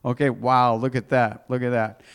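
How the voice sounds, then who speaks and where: Smooth-voiced preacher man. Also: mid-range voice, level tone, normal speed. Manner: reads scripture aloud with rising emphasis, asks the congregation questions. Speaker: pastor. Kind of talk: sermon.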